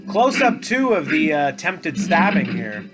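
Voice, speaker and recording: A man's voice: a little high, very animated, measured pace, loud music behind the voice. A man hosting a movie reaction, giving casual commentary on a film.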